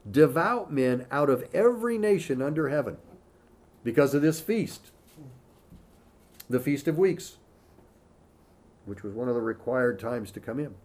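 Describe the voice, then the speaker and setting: A man with a fairly high voice teaches like a pastor, casually alternating scripture readings with offhand remarks and repeated "you know" fillers.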